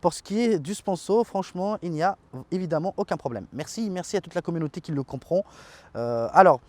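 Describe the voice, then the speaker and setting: A man's voice: sits high, a little fast. A man, chatting casually as a tech video host reading viewer comments, loose and informal with frequent fillers and slang. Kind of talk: casual chat.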